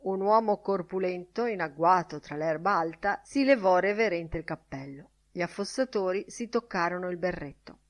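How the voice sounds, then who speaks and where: A woman reading a classic novel aloud in measured audiobook narration, lifting her voice for the quoted characters. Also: lowish voice. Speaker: audiobook reader.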